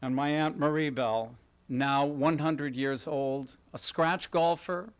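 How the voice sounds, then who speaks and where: A middle-aged interior designer from Kansas City, USA, gives a prepared talk as a guest speaker at a podium microphone in an event hall. His fairly high, clear, resonant voice stays steady and slow as he tells polished stories in a gracious, self-deprecating way.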